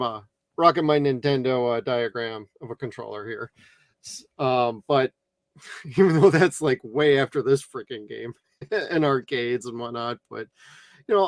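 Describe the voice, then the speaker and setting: An American man chatting casually as a movie review co-host, in a slangy, animated way. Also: mid-range voice, no echo, clean studio sound. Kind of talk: casual chat.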